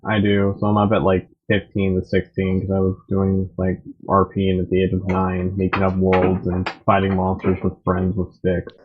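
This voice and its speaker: A man's voice: sits low, monotone, moderate pace, hardly any pauses, background noise. A man on a podcast panel chatting casually with a wry, lecturing tone. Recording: tinny phone-like voice chat.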